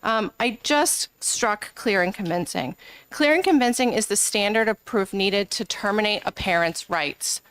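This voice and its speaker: A woman legislator's committee testimony, presenting an amendment, is captured in poor audio without echo. She speaks a little slowly in a smooth, medium-pitched, slightly bright voice, earnest and argumentative, with lots of ums.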